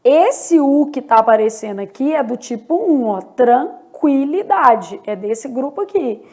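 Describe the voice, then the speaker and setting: A woman's voice: sits high, expressive, unhurried, dark tone. A woman teaching Portuguese in an online lesson, explaining step by step and often checking in with the viewer. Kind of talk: online exam-prep lesson.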